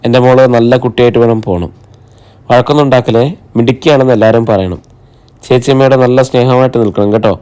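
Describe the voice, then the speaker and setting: A man's voice: mid-range voice, steady tone, fast, smooth, lightly acted. A worried, tender mother, read by a man. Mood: coaxing. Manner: soft, anxious, coaxing.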